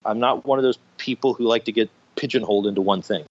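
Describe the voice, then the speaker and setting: Speaking fast in a lowish voice, an American man in his fifties guests on a podcast, telling casual stories and making fun of himself. He's joining remotely, and the internet call sounds dull and lo-fi.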